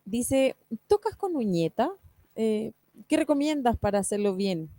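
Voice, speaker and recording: A woman's voice: fairly high pitch, big pitch swings, unhurried, dark tone, no room sound, clean studio sound. A woman moderating a workshop, briefly reading audience questions aloud.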